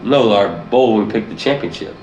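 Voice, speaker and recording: A man's voice: lowish voice, brisk, a little mellow, highs cut off. A man co-hosting a casual sports podcast, tossing in short, blunt quips. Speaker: podcast co-host. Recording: roomy with clear background noise.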